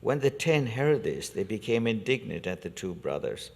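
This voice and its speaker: A very low-voiced man leads the service as a priest, reading scripture and preaching at a steady, deliberate pace. His words ring out in a cathedral echo, with a long reverb trailing behind each phrase in a large church. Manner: measured, deliberate liturgical delivery. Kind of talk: gospel reading and homily.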